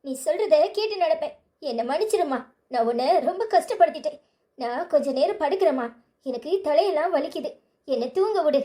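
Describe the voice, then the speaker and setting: A woman's voice: high-pitched, lively intonation, fairly quick, mellow. A woman voicing a hurt but firm young woman student in a cartoon, exasperated, with a Tirunelveli Tamil accent.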